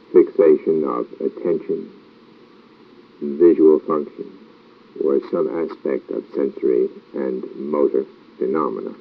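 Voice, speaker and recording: A man giving a formal, scripted clinical lecture in a slow, measured hypnotist's manner, with frequent pauses. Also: a bass voice, vocal fry. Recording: dull lo-fi old tape recording.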